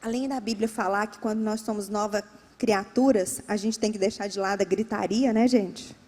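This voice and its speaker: A woman's voice: mid-range voice, steady tone, moderate pace, darkish tone, in a large hall. A woman pastor with a Brazilian Portuguese accent, preaching a sermon with emphatic, repetitive phrasing. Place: church.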